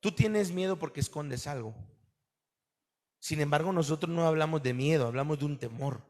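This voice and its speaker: A pastor preaching a sermon to his congregation, animated and full of questions to his listeners. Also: a little high, moderate pace, big-room sound.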